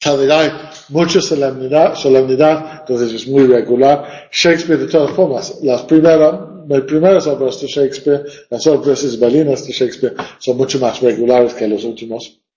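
A man's voice: medium pitch, fairly even intonation, moderate pace, warm tone, echoey room. A male teacher giving a classroom lecture, thinking aloud and reciting verse lines with stressed beats. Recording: dull lo-fi classroom recording.

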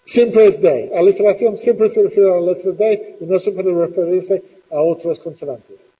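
A man's voice: high voice, normal speed, mellow, long reverb tail, muffled recording. A middle-aged man teaching a classroom lesson, patiently asking questions and repeating the students' answers.

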